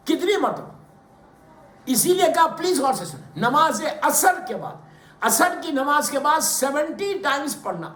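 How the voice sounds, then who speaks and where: A man's voice: extremely high pitch, a bit bright. A man preaching a sermon at a memorial gathering, emphatic and repeating his phrases, with English words mixed in. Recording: echoey room with faint noise.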